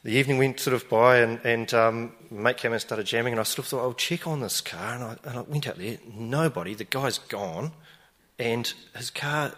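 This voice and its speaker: Brief: Kiwi man, mid-pitched, spinning a casual yarn with plenty of ums. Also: normal speed, a bit bright. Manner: hesitant, frequent "um", acts out quotes. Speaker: storyteller. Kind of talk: spoken personal anecdote.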